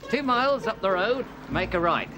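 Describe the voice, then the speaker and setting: A man's voice: high voice, very animated, moderate pace, music in the background. An actor playing a cheeky, leering local man, familiar and suggestive, in a film.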